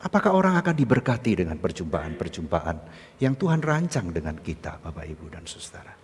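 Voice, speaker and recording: East Javanese pastor preaching in an echoey hall. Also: male voice, big pitch swings, brisk. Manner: storytelling, acts out dialogue with sharp pitch jumps. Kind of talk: sermon. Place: church sanctuary.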